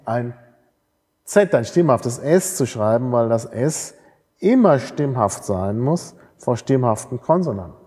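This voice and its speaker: A man's voice: mid-range voice, mellow, husky. A man giving a university lecture, explaining step by step and often checking in with tag questions and fillers. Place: lecture hall. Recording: reverberant lecture hall.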